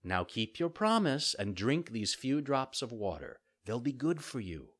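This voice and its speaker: A man voicing a patient, motherly fairy in a soft, loving, coaxing way for a storybook. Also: mid-range voice, big pitch swings, a little slow.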